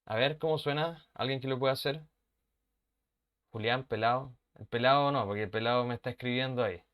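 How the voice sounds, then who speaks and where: A man's voice: medium pitch, normal speed, fairly bright tone, smooth. A man teaching an online English class, patiently repeating words for pronunciation drills and laughing at his own mistakes.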